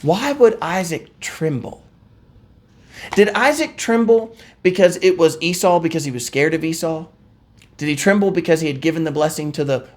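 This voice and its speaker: Male pastor, somewhat high voice, casual teaching tone, reads scripture and asks the audience questions. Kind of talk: conversational Bible teaching.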